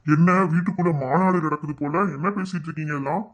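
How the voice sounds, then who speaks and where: Man doing a matter-of-fact village father, a bit lower than his other role. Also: fairly even intonation, fast, lightly acted. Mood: calm. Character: laboring village father, calm and steady.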